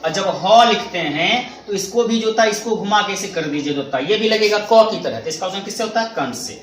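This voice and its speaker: A man's voice: high voice, animated, fairly quick, fairly bright tone. A male teacher giving a classroom grammar lesson, repeating each point and asking questions back to the class. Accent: Hindi. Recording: echoey room, mic far off, faint noise.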